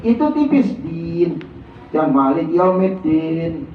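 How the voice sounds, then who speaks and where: Male recitation teacher, high-pitched and unhurried, recorded from afar over a tinny line. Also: lively intonation. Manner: corrective, demonstrates recitation, chuckles. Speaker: religious teacher. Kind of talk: Quran recitation lesson. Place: prayer room. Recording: roomy, distant, phone-like, faint hiss.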